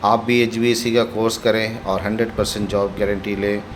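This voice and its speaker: Male promoter, low and monotone, short promotional pitch. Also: normal speed, a little hiss or hum. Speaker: institute promoter. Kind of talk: promotional intro.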